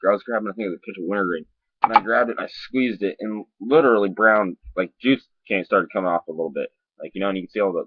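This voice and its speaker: A man talking with a lip full of dip, giving a casual, rambling, sweary and halting review to camera. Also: fairly low pitch, breathy edge, no echo. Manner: sweary, informal, halting and repetitive. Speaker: dip reviewer on a video channel. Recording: dull lo-fi sound.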